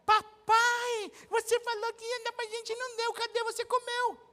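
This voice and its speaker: A man's voice: very high voice, little pitch movement, moderate pace, sharp tone, in a large hall, pitched above the performer's own voice. A man putting on an indignant little girl. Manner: whiny, accusing.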